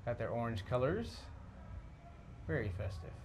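Chatty teasing Midwestern co-host. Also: male voice, medium pitch, sing-song, moderate pace, darkish tone, a little hiss or hum. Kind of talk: live parade commentary. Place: TV studio overlooking the street.

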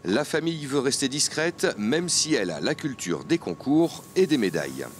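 A man reading scripted news narration as a reporter, with an expressive delivery. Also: medium pitch, moderate pace, a little hiss or hum.

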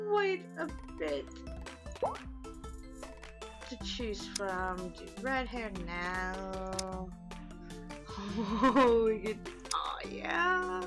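An excitable woman commenting on a video game, gasping and giggling as she goes. Her voice sits high and leaps up and down, and she talks slowly. Game music plays clearly behind her. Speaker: gaming channel host. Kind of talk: let's play commentary.

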